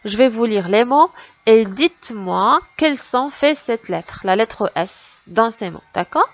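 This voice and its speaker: A woman teaching a reading lesson to young children, slow and patient, sounding out words and syllables one by one. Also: a little high, expressive, no room sound, highs cut off. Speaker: primary school teacher.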